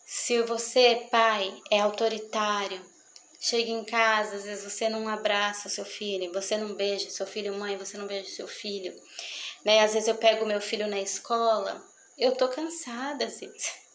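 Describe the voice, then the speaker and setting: A woman's voice: mid-range voice, steady tone, normal speed, a bit bright, reverberant, a little hiss or hum, low-quality recording. A mother talking earnestly to an audience about raising children, repeating her phrases for emphasis. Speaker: mother speaking on parenting. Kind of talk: testimonial talk to an audience.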